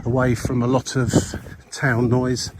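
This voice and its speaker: A man's voice: medium pitch, completely flat delivery, measured pace. Older man rambling on a windy coastal walk. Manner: rambling, chatty, many fillers and restarts. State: slightly breathless from walking. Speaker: walking vlogger. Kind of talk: casual walking commentary. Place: outdoors on a clifftop coastal path. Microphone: body-worn mic while walking. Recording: loud outdoor wind and traffic noise. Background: outdoor ambience and passing vehicles.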